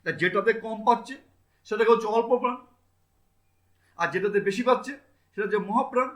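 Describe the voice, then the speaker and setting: A man's voice: sits high, brisk, a bit bright. Man teaching phonetics in an echoey room. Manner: asks students questions and answers them himself, repeats definitions; sounds out letters one by one. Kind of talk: classroom grammar lesson.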